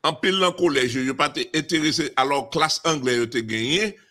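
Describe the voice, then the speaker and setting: A man's voice: a little high, fairly quick, bright, forceful tone. A man from Haiti with a Haitian accent, talking emphatically in a casual discussion and often repeating and restarting phrases.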